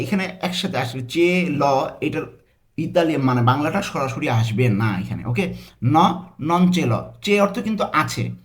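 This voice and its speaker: A man with a Bangladeshi accent teaching a language lesson, saying example phrases slowly and breaking them into parts. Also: on the high side. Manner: slow, drawn-out pronunciation of example phrases.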